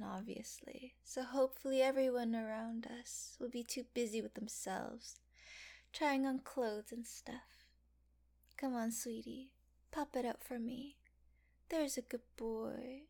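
A young woman in an intimate audio roleplay, murmuring in a hushed, teasing whisper. Her voice sits a little high with a gravelly, fry-touched texture. She speaks unhurriedly, drawing out her soft, coaxing phrases.

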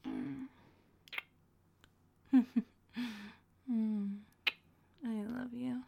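A young woman in an intimate, whispered roleplay, speaking softly with gentle hums between lines. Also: a little high, extremely slow, creaky, a little hiss or hum. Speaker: roleplaying a pregnant wife.

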